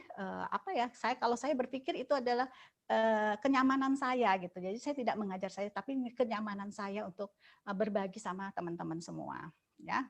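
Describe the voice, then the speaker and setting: A woman coaching public speaking in a webinar, animated, asking rhetorical questions and filling pauses with "eh". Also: medium pitch, vocal fry. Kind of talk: webinar talk. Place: online webinar.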